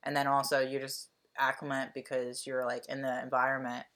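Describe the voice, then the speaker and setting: A woman with a softened Delaware County accent chatting casually, rambling with many fillers. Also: rumbling low, monotone, fairly quick. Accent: Delaware County, Pennsylvania, softened. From Delaware County, Pennsylvania. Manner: rambling, full of "like" and "um". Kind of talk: casual chat.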